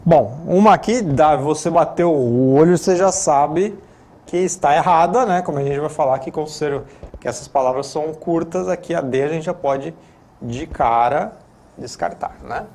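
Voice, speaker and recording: A man with a Brazilian Portuguese accent and a fairly high, slightly mellow voice explains English on a studio lesson broadcast, talking at a normal speed over slight background noise. He's chatty, keeps repeating filler tag questions, and corrects himself as he goes.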